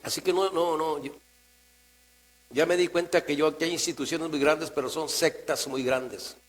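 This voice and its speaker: A man with a Mexican Spanish accent preaching a sermon as pastor, talking conversationally and swinging from quiet asides to raised, emphatic lines. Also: a little high, steady tone, normal speed, rough recording. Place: church. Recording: mains hum in the background.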